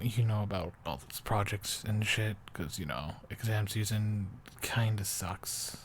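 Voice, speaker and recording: A man with a lowish voice plays an affectionate, doting young boyfriend in an improvised, intimate bedtime roleplay meant as a sleep aid. He talks softly, haltingly and in a rambling way, often sinking toward a whisper. There's a little hiss or hum in the recording.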